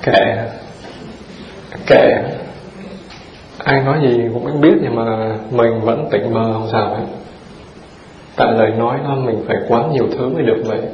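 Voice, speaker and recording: A man's voice: mid-range voice, fairly even intonation, normal speed, a crowd in the background. A man, a Buddhist monk giving a dharma talk, firing rhetorical questions at his audience in a folksy, humorous way. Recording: roomy dull hall recording with audience present.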